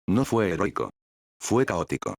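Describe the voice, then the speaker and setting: A man's voice: deep voice, sing-song, measured pace, gravelly, no room sound, clean studio sound. A man narrating a first-person fan story in a wry, casual manner. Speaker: fanfic narrator.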